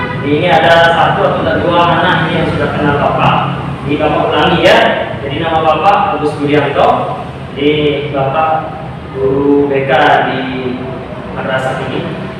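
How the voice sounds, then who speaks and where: Heard from a distance in a noisy, reverberant room, a male school counselor guides a group session, patiently explaining and checking for understanding. His voice is slightly high with fairly flat intonation, a moderate pace, and frequent pauses.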